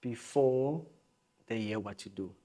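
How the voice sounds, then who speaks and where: In a medium-pitched voice at a measured pace, a South African man, a guest musician, chats casually on a podcast. He speaks with animation and emphasis, often repeats phrases, and laughs frequently.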